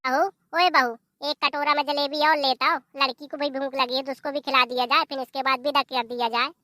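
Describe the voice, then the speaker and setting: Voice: high-pitched, level tone, fairly quick, sharp tone, no room sound, clean studio sound. A performer voicing a bossy, scolding older mother-in-law.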